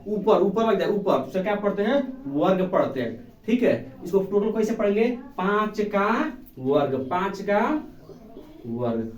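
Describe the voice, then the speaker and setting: A male teacher with a high-pitched voice takes young pupils through a basic math lesson. He asks a question, answers it himself, and repeats the key word again and again. His voice sounds echoey and distant, as if the mic sits across the room. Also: a little mellow. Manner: calls pupils "babu", affectionate. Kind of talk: classroom lesson.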